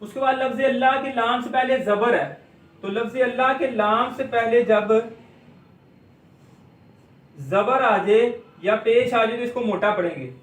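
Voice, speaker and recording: This Quran recitation lesson comes from a man with a very high, fairly bright voice, recorded in an echoey room. He works step by step, answers his own questions, and draws out words slowly to demonstrate them.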